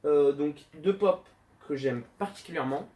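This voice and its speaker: Young male vlogger, slightly high voice, hesitant and rambling, self-deprecating humor, casual home-video feel. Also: moderate pace, mellow, a little hiss or hum. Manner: rambling, hesitant, many fillers and self-mocking asides. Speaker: YouTuber showing collectible figures. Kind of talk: casual unboxing vlog.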